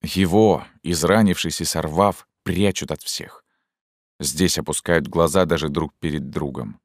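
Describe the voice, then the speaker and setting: A male audiobook narrator with a very low voice gives a measured, even reading of literary prose. The recording is dry and close, with no room sound. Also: no echo.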